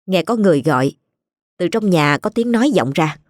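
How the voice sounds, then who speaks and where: A woman's voice: on the low side, lively intonation, brisk, no room sound, studio quality. A woman, steadily narrating a ghost story.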